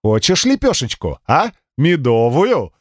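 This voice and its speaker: A man's voice: medium pitch, wildly swooping pitch, measured pace, breathy edge, no room sound, clean studio sound, full character voice. A man voicing a playful, coaxing queen of the underworld who feeds and teases a giant dog in an audiobook. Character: queen of the underworld, amused, teasing woman.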